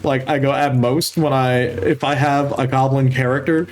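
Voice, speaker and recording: A man's voice: medium pitch, fairly even intonation, moderate pace, a crowd in the background. A young man, a streamer and game master, chatting casually in a rambling, filler-heavy way and laughing easily. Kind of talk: casual chat.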